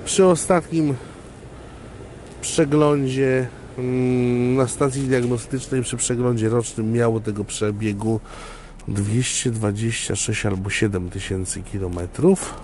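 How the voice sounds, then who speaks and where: A man with a mellow, soft-edged voice shows off a used car, talking straight to his viewers like a friendly salesman. He is recorded on a camera while he walks outdoors on a gravel lot, and faint wind noise sits under his voice. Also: medium pitch, fairly even intonation, takes it slowly. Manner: chatty salesman, upbeat, addresses viewers directly. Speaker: used car dealer presenting a car. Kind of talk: casual walkaround car presentation.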